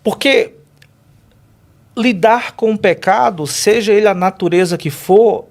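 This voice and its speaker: A man with a high voice speaks unhurriedly as a guest in a conversational interview. He's a pastor offering an earnest, emotional personal testimony, talking straight to the host.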